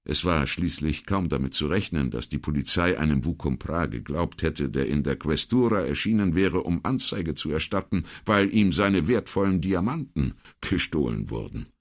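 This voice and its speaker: A man reading an audiobook as narrator, telling the story with expressive, lively intonation. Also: extremely low pitch, normal speed, hardly any pauses. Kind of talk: scripted narration.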